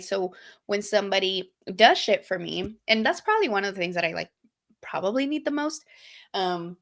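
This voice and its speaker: A woman's voice: medium pitch, bright, forceful tone. Young woman on a podcast, swears a lot, tells it straight, acts out what people said. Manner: candid, profane, acts out quoted lines animatedly. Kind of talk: casual storytelling chat.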